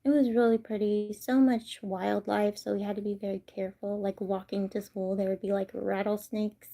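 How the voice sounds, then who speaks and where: A young woman from California chatting casually with her livestream viewers, soft-spoken and often slipping into whispers. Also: medium pitch, flat delivery, normal speed, creaky. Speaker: livestream host.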